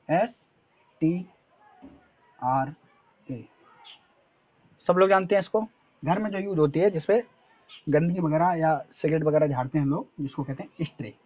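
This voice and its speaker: A man's voice: on the high side, darkish tone, slightly rough, muffled recording. Hindi-accented man drilling English words. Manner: repeats quiz questions and answers, spells words letter by letter. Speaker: English teacher. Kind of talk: spoken-English lesson at a board.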